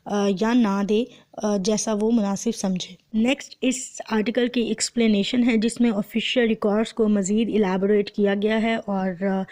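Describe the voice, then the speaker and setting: In a medium-pitched voice with a darkish tone, a woman with a Pakistani accent teaches law, going through formal text one phrase at a time, translating it and repeating each point methodically.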